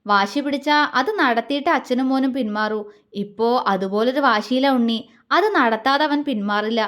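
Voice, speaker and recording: A woman's voice: fairly high pitch, normal speed, a bit bright, close to an everyday voice. Woman voicing a teasing middle-aged mother. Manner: playful, knowing.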